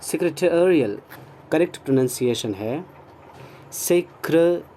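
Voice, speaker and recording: Slow, mellow-voiced teacher. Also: male voice, medium pitch, lively intonation, a little hiss or hum. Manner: slow and drawn out, repeating words and spelling them letter by letter; mixes Hindi and English. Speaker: English teacher. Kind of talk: online grammar lesson.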